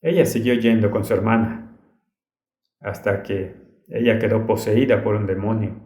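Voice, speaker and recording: A man's voice: lowish voice, normal speed, darkish tone. A man preaching a sermon, telling a story in an earnest and urgent way. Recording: roomy echo.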